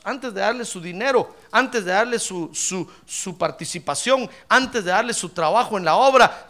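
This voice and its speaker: A man preaching a sermon to his congregation, addressing them directly and breaking into loud shouted praise. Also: extremely high pitch.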